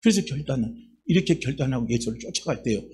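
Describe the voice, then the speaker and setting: A man, the church's pastor, preaching a lively sermon and putting rhetorical questions straight to his congregation. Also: medium pitch, fast, slightly rough. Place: church sanctuary.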